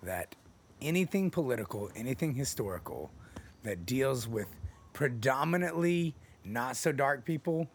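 A man's voice: medium pitch, expressive, moderate pace, slight background noise. A man co-hosting a podcast in casual chat, rambling and laughing often as he jokes crudely. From Texas. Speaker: podcast co-host.

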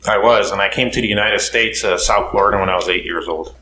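A man in his thirties from Curaçao, a podcast guest telling his story in a relaxed way with many fillers. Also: on the low side, quick pace, a little hiss or hum, poor audio. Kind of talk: casual interview.

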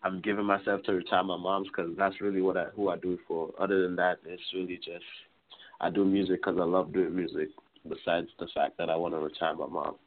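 A young man in his twenties from Trinidad and Tobago, talking casually as a musician guest in an interview, relaxed and rambling. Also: sits low, a little fast. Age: 20s. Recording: tinny phone-like line.

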